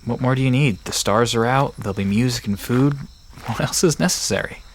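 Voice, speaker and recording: With music and crickets in the background, a male actor voices a friendly young man who knows his folklore and explains it conversationally. He speaks fairly quickly in a natural, medium-pitched voice, relaxed and reassuring, with a little hiss or hum on the recording.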